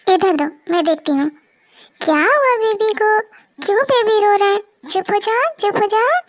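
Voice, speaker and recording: A woman's voice: very high-pitched, expressive, normal speed, dry recording, clean studio sound. A woman voicing an anxious middle-aged mother in a dramatic fan story reading, with a fretful delivery. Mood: fussing. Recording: soft music behind.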